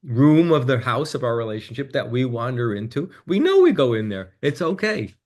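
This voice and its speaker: Speaking at a moderate pace and medium pitch, this man appears as a guest on an interview. His personal story comes across as candid and reflective, and he grows lively when he recounts things he said in conversations.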